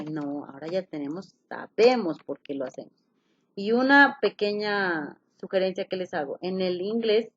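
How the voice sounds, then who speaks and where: A woman's voice: on the low side, dull audio. A woman teaching an online English class, explaining patiently, repeating key points and asking her students questions.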